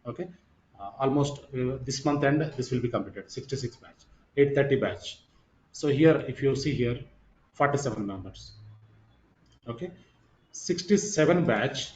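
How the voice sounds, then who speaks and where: A man's voice: mid-range voice, animated, moderate pace, long pauses, darkish tone. A man giving an informal online lecture as a course trainer, repeating himself and checking in with "right" and "okay". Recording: roomy echo, slightly muffled sound.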